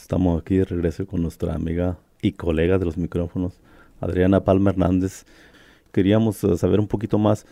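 A man's voice: no echo, clean studio sound. A man hosting a radio interview and asking his guest questions. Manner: gravelly, low and dark. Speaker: radio host.

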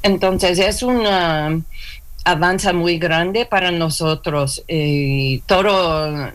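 As a guest in a halting interview, this clinic worker talks slowly, hesitating, restarting, and filling gaps as she hunts for the right words. Her voice is fairly low in pitch.

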